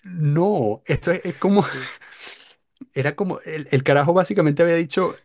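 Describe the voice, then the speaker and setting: A young man in casual chat, telling a story in an animated, exaggerated way. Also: fairly high pitch, moderate pace. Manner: animated, hyperbolic storytelling with mock voices.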